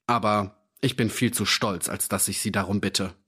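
A man voicing a proud young gentleman who talks in a flustered, indignant way. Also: fairly low pitch, steady tone, normal speed, slightly rough, exaggerated voice.

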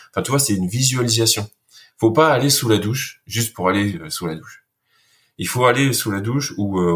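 A lower-pitched man speaks earnestly, pausing often and restarting his sentences as he recounts harsh military training. His delivery is casual and conversational, the way a guest talks in an interview. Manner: earnest, many fillers and restarts. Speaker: guest, former soldier.

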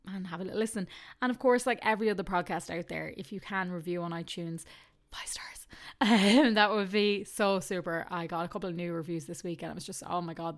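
A woman hosting a podcast, chatty and quick to laugh. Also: on the low side. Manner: chatty, warm, laughs often. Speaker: podcast host. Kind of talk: casual podcast chat.

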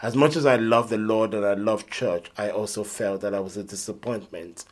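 A man's voice: on the low side, steady tone, moderate pace. A man, talking earnestly and reflectively as an interview guest. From Nigeria. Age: 50s. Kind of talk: conversational interview.

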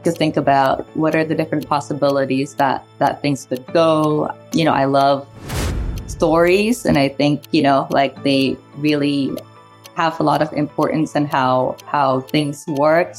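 Low-voiced woman from Indonesia. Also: fairly even intonation, a little slow, darkish tone, faint music behind. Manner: thoughtful, many "you know" fillers. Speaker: guest, venture capital investor. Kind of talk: casual interview talk.

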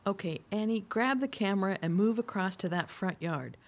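A woman playing a bossy police officer in a sitcom radio play, giving brisk orders. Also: mid-range voice, animated, lightly acted. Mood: commanding.

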